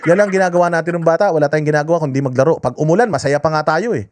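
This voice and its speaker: A man's voice: a little high, very fast, no room sound. A man talking casually to his viewers, mixing jokes and mock outrage with mild curses in his political commentary.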